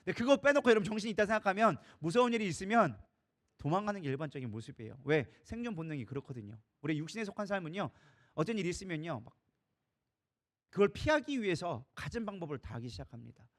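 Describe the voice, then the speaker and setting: A middle-aged man preaching with quick, tumbling speech and a voice that sits high and swings widely. He asks the congregation questions and acts out the voices he quotes. The sound is a Sunday sermon in a church sanctuary. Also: fairly bright tone. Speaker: co-senior pastor.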